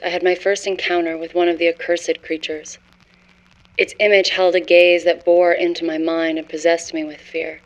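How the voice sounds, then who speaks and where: A haunted scholar confesses forbidden knowledge in a horror tale, read by a woman. The voice is fairly low for a woman and very even in pitch, with a grave, measured, literary delivery. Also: close to an everyday voice, poor audio. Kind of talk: scripted first-person horror story narration.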